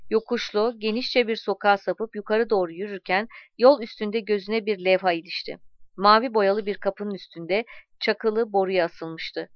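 Smooth-voiced woman reading a story. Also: mid-range voice, dry recording, highs cut off. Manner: calm, measured reading with voiced dialogue. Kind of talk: storybook narration.

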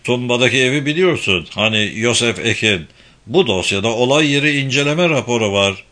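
A man voicing a calm, reassuring retired police officer who talks firmly and matter-of-factly in an audiobook reading. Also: mid-range voice, brisk. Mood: steady.

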